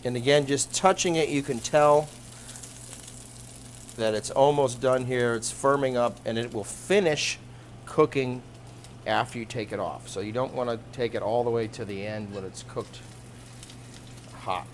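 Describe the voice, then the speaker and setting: A man demonstrating a recipe in a studio kitchen, explaining each step in a relaxed, practical way. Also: medium pitch, unhurried, pauses often, a little hiss or hum. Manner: relaxed, practical, thinks aloud with small restarts. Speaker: cooking demonstrator, fisherman.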